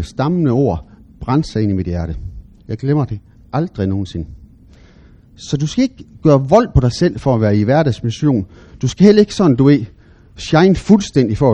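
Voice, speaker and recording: Lively middle-aged man preaching. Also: mid-range voice. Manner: animated storytelling, big shouted quotes. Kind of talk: sermon.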